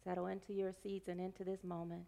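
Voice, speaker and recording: A woman minister leading a congregation in prayer and guided meditation, speaking slowly and soothingly. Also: on the low side, flat delivery, vocal fry. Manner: slow, soothing, gentle. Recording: music playing behind the voice.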